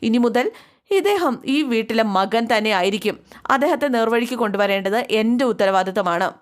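A woman's voice: a little high, lively intonation, fairly quick, close to an everyday voice. A woman voicing a resolute young wife. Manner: firm, resolute. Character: determined young wife defending her husband.

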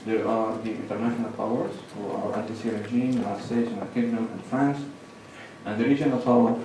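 At a lectern in a large lecture hall, a middle-aged man with a Lebanese accent works through an academic talk point by point, measured and pausing between items. His slightly low voice has a dark tone and fairly even intonation. A lectern mic and distant camera pick him up with heavy echo and faint room noise.

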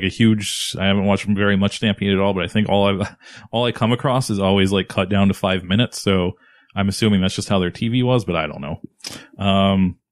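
Man, very deep voice, dry close sound, casual podcast co-host, rambling, swears a lot, laughs often. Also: no room sound.

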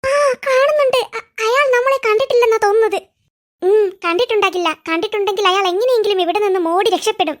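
A woman voicing bickering cartoon children in a comic animation. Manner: quick bickering banter in squeaky voices.

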